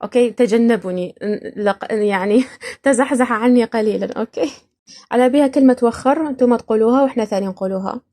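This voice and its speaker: A woman's voice: fairly high pitch, fast, mellow. A woman from Iraq hosting a podcast, casually explaining words and laughing often between points. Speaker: podcast host.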